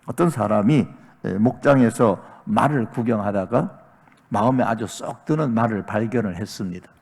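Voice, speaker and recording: A middle-aged man, a senior pastor, preaching a Sunday sermon, telling a story with acted-out dialogue and building to loud emphatic peaks. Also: on the low side, normal speed, vocal fry, breathy edge. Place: church sanctuary. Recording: long reverb of a large church sanctuary.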